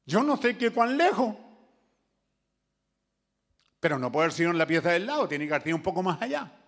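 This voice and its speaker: Dramatic preacher in a reverberant church. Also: male voice, high voice, big pitch swings, fairly quick, a bit bright. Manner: dramatic, calls out to the congregation. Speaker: pastor. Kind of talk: sermon.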